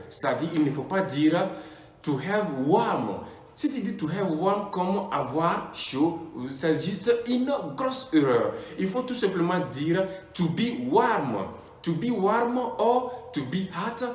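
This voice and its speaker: A man teaches a language lesson at an unhurried pace. He repeats every example phrase with care. His fairly high voice rises and falls a lot, and it rings in an echoey room. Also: big pitch swings. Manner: repeats each phrase slowly and deliberately, drawing out example words. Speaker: English teacher.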